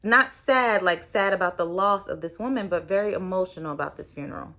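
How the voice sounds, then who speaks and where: A woman's voice: fairly low pitch, brisk, sharp tone. A woman in her thirties, a podcast host, telling a personal story in a candid, reflective way, with many fillers.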